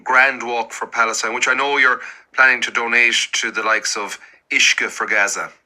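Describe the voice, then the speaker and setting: Male radio host, interview questioning, medium pitch, sharp and very bright tone. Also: flat delivery, moderate pace.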